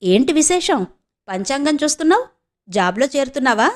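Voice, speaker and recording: A woman's voice: sits high, big pitch swings, brisk, pitched above the performer's own voice. A woman voicing a middle-aged husband who lectures confidently and jokes with his wife. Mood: playful. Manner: lecturing, joking. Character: middle-aged husband, know-it-all and playful.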